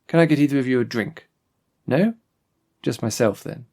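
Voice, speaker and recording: A man's voice: mid-range voice, normal speed, darkish tone, voice pushed up, lightly acted. A man voicing a cold aristocratic lord who speaks in a clipped, precise, sardonic way, in an audiobook story.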